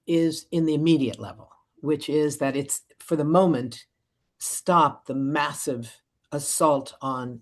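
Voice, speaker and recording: A woman political analyst giving long, fluent answers in a radio interview, with occasional fillers. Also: sits low.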